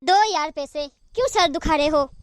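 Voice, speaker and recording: A woman's voice: sits high, moderate pace, a little hiss or hum, close to an everyday voice. A woman voicing a demanding young wife in a cartoon, who nags and talks back. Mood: petulant. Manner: nagging, petulant. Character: demanding young wife, sharp-tongued then remorseful. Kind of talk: cartoon voice acting.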